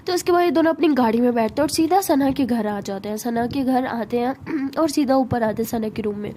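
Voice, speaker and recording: A woman's voice: fairly high pitch, fairly quick, mellow, slight background noise. A woman telling a love story in a casual, chatty way. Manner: conversational, chatty.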